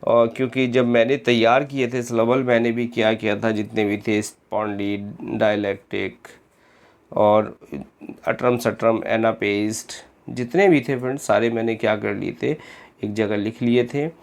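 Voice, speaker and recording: Slow-paced Indian man teaching literature. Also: mid-range voice, fairly even intonation. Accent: Indian English. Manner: explains in Hindi mixed with English terms, reads questions slowly, often calls "friends". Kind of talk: online exam-prep lecture.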